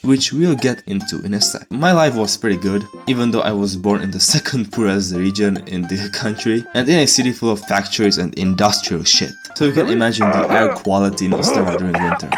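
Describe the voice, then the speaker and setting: Lowish-voiced young man, joking storyteller. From Czechia. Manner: playful, sarcastic asides with jumpy emphasis. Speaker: animator telling his life story. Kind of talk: casual storytelling voice-over.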